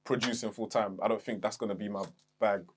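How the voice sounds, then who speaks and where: A young man, co-hosting a casual podcast chat, animated and quick to swear and laugh. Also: fairly low pitch. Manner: animated, swears and laughs, acts out his own inner voice. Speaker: podcast co-host.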